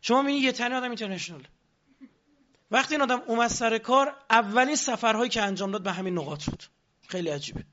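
A man's voice: extremely high pitch, bright, forceful tone, muffled recording. A man giving a lecture on politics, addressing the audience with rhetorical questions.

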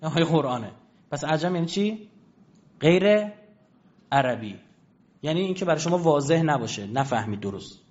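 A man giving an argumentative lecture, firing rhetorical questions at his listeners and slowly reading out dictionary entries and verses. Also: a little high, expressive, darkish tone. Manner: emphatic, rhetorical questions to the audience. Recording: dull lo-fi recording.

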